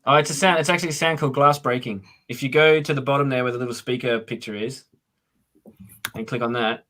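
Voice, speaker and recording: A man hosting a relaxed coding live stream, talking at a middle pitch. He walks through each step in an easygoing, chatty way, peppered with fillers. Faint background noise and clicking sit under his voice. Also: quick pace. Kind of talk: casual live-stream chat, coding tutorial.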